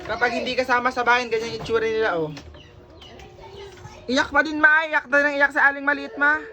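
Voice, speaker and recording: A woman's voice: high voice, level tone, fairly quick, sharp tone, slight background noise. A woman vlogger chatting casually and teasingly, talking to her viewers. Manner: teasing, playful, talks to viewers. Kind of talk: casual family vlog chat.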